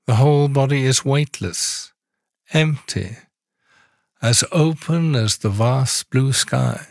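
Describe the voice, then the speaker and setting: A man leading a guided body-awareness meditation, giving calm, soft-spoken instructions with long pauses between phrases. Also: mid-range voice, creaky, no echo, clean studio sound.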